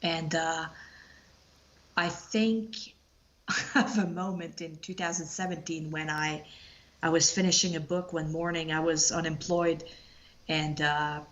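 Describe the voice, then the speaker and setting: A woman's voice: low voice, steady tone, measured pace, long pauses, fairly bright tone, dull audio. A woman from Quebec with a Quebec French accent, chatting casually as a podcast guest, hesitant and searching for words. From Quebec, Canada. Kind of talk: casual interview chat.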